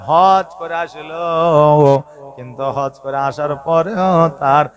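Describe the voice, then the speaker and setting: A male preacher with a West Bengal accent tells a comic story at a religious gathering. His voice sits fairly high for a man. He drops to hushed asides, then jumps to loud shouted bursts. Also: takes it slowly. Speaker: Islamic preacher. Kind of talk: storytelling sermon. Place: large outdoor religious gathering.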